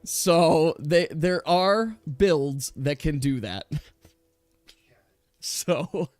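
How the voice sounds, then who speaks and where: Faint music plays behind a tabletop game master as he talks through the rules offhandedly, pausing and restarting as he goes. His voice is fairly high with a darkish tone, and there is no echo.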